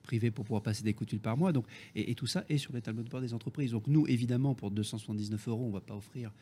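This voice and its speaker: A man with a Parisian French accent speaks as a business guest on a discussion panel. His voice is soft-edged and dark, with a husky grain. He explains in an emphatic way, repeating his key phrases. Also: mid-range voice, rapid-fire. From Paris region, France. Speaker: business executive, guest on the show.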